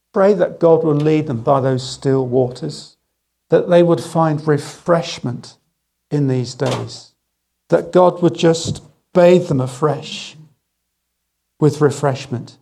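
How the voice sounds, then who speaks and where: A middle-aged man preaching a sermon, telling stories with gentle humour and slowing down on key phrases. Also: a little high, gravelly. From England. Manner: storytelling with gentle humour, slow emphatic phrases. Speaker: guest speaker.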